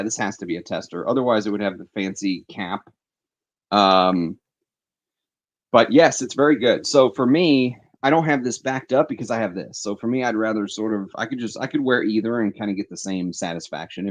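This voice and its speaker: A man's voice: on the low side, a little fast. A man hosting a casual livestream, chatting with enthusiasm and reading viewer comments aloud on a headset mic. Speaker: fragrance livestream host.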